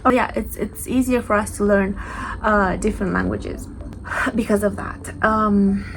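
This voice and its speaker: A woman's voice: medium pitch, steady tone, a little slow, gravelly, slight background noise. Chatty young woman, Romanian accent. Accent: Romanian, with Scottish and London traces. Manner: chatty, rambling, restarts often, laughs at herself. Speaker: YouTuber. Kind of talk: casual vlog talking to camera.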